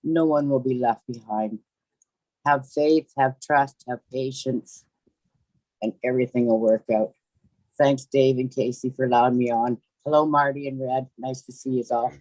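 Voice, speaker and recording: A man calling into a webinar, giving an earnest, devotional testimonial in a slow, reassuring way. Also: medium pitch, steady tone, a little mellow, no room sound, poor audio. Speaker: webinar caller. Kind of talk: casual testimonial on a webinar call.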